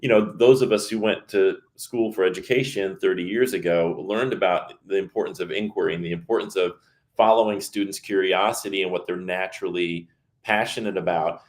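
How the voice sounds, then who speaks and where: Man, 50s, interview host, very low voice, slow, deliberate questions. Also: fairly even intonation. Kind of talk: conversational interview.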